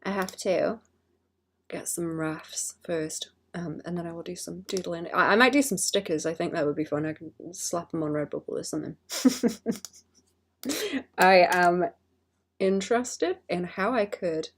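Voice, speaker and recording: Slow-paced, husky, cute woman streamer. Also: on the low side. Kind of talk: casual livestream chat while drawing.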